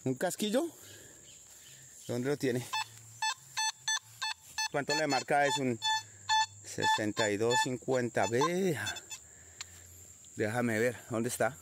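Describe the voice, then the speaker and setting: A man's voice: mid-range voice, animated, slow pace, long pauses, heavy background noise. A man narrating a casual outdoor metal detecting vlog, chatty and constantly addressing his viewers as friends. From Colombia. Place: outdoors in nature.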